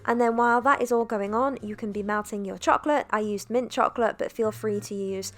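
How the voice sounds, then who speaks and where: Young woman, cooking vlogger, voice-over narration, chatty, relaxed, self-deprecating. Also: on the high side, brisk.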